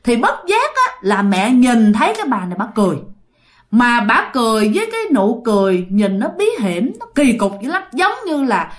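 A woman with a Southern Vietnamese accent telling a ghost story in an animated way, speaking straight to her listeners. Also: fairly high pitch, moderate pace.

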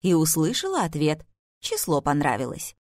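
Lively woman narrating an ironic novel. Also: deep voice, moderate pace, no room sound, studio quality. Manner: lively, expressive reading. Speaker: audiobook narrator.

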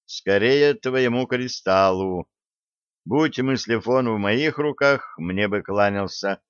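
A man voicing a gruff, irritable male starship captain who speaks in a commanding way. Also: mid-range voice, lively intonation, unhurried, a bit bright, dry recording. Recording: dry, slightly dull audio.

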